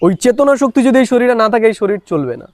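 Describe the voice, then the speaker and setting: A man with a Bengali accent teaching meditation to a live audience, his voice sitting high for a man. He explains patiently with everyday examples and keeps checking whether his listeners follow. The sound is close and dry, with no room echo. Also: big pitch swings, fast, a little mellow. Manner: asks the audience rhetorical questions again and again. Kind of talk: spiritual lesson to a live audience.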